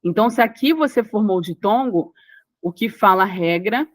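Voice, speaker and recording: An animated woman with a Brazilian Portuguese accent teaches exam-prep grammar at a moderate pace, her pitch medium and the recording free of room sound. She goes through the rules one step at a time, repeats key terms and checks the listener's understanding.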